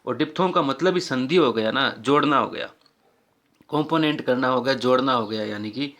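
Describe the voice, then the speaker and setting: A man's voice: medium pitch, normal speed, fairly bright tone. Man teaching phonetics, sounds out vowels. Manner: explains patiently, often repeats vowel sounds aloud. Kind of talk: informal phonetics lesson.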